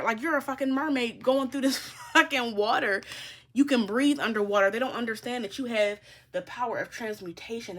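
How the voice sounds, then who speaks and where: Woman tarot reader, higher husky voice, blunt, profane, emphatic. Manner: emphatic, swears freely, speaks straight to the listener. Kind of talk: casual spiritual reading.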